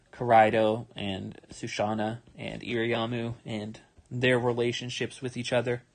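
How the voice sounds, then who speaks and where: A tired manga artist livestreams his drawing, chatting casually about it as he works, yawning as he goes. His medium-pitched voice stays relaxed and rambling, full of fillers and restarts.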